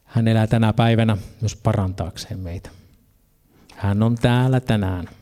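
Low mellow guy preaching, earnest, reads bible verses then chats a bit. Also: steady tone. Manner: earnest, reads scripture aloud, mixes in casual asides. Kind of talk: sermon.

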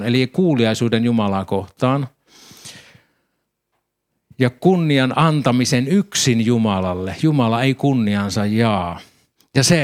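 Man preaching in calm explanatory tones. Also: medium pitch. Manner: calm explanatory preaching, reading scripture aloud. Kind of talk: sermon.

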